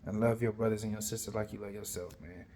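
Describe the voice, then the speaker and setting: A man casually retelling a Bible story, animated and conversational, full of slang. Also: lowish voice, quick pace.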